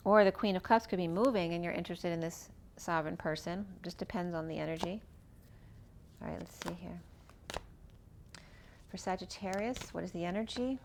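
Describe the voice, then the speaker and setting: A woman's voice: fairly low pitch, brisk, creaky, pauses often, noisy background. A woman giving a casual tarot reading, talking through each card as she draws it while losing her voice. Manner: chatty, thinking aloud while drawing cards.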